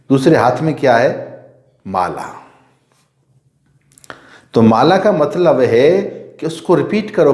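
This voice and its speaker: Priest who quizzes then answers himself. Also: male voice, a little high, darkish tone, echoey room. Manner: asks rhetorical questions and answers them himself; repeats key phrases for emphasis. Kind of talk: devotional teaching talk.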